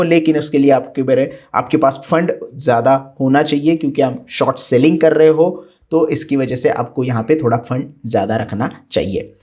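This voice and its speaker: A man with an Indian accent speaks in a somewhat high voice. He talks through a tutorial patiently and methodically, pausing on filler sounds as he explains. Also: a little mellow. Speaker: finance educator. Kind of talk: screen-share tutorial explanation.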